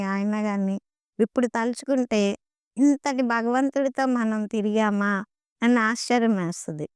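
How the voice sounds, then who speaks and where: Casting: earnest woman storyteller, crisp clear tone, repeats key lines with devotion. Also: on the high side, a little mellow, no room sound. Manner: earnest, devout, repeats phrases for emphasis. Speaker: devotee sharing experiences. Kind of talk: conversational storytelling.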